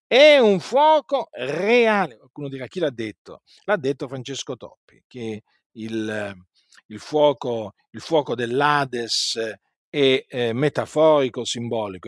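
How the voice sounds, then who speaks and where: A man's voice: medium pitch, dry recording, clean studio sound. A man preaching a Bible teaching, emphatic, with rhetorical questions and frequent fillers.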